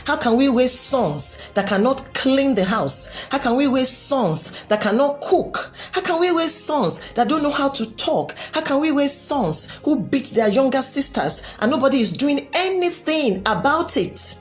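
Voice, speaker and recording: A woman's voice: sits high, animated, measured pace, hardly any pauses, faint music behind. A woman giving an impassioned motivational talk to a live audience, speaking with an emphatic, repetitive preaching cadence and many rhetorical questions. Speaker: live-stream speaker greeting viewers.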